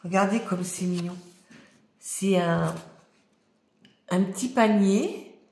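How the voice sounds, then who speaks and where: A woman chatting casually as she unboxes craft mail, her voice slightly hoarse and often dropping to a murmur. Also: mid-range voice, slow. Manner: soft-spoken, often murmuring to herself. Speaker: crafting vlogger. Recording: echoey room, faint noise.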